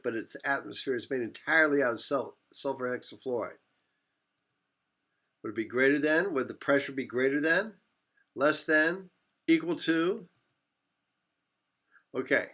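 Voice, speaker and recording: This mid-range male voice sounds pushed and bright as he teaches physics to a class. He meanders through the lecture, fixing his own wording and repeating himself.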